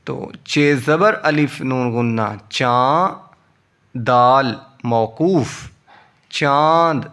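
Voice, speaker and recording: Male teacher, slow syllable-by-syllable phonics reading for young pupils. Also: mid-range voice, a bit bright, clear, resonant tone. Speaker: Urdu teacher. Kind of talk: slow phonics reading lesson, spelling out letters.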